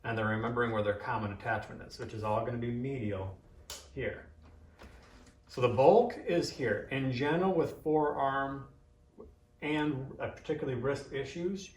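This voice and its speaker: A man's voice: medium pitch, a little mellow. Man teaching hands-on from across an echoey room. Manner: informal, thinking aloud, coaching in short cues. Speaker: massage therapist and instructor. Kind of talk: casual hands-on demonstration, instructing. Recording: echoey room, distant microphone.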